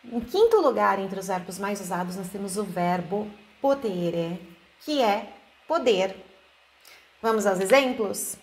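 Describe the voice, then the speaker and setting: Slow-paced woman teaching Italian. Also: mid-range voice, animated. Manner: slow, careful pronunciation of example words. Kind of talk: language lesson.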